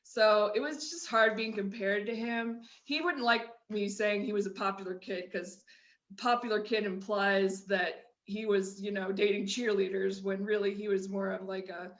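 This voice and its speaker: On a podcast, a middle-aged woman with a flat Midwestern accent recounts her own story in loose, candid conversation, full of laughs and frequent restarts. She speaks at normal speed with a medium pitch, and the muffled recording carries a roomy echo.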